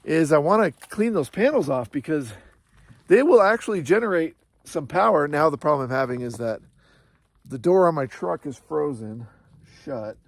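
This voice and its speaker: A man's voice: fairly high pitch, animated, moderate pace, creaky, no echo. A middle-aged man chatting casually to the camera outdoors in the snowy mountains, huffing from the cold and talking to his dog as he goes. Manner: chatty, talks to his dog between remarks. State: out of breath from the cold. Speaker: RV vlogger. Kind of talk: casual vlog chat to camera. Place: outdoors in snowy mountains beside a travel trailer. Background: dog nearby.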